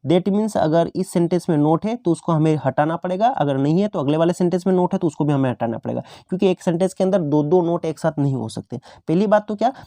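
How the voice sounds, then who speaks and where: Male tutor, exam-prep grammar lesson, slightly high and mellow, dry close recording. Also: dry recording. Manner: repetitive teacher's questions and answers, slows down on English examples. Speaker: English teacher.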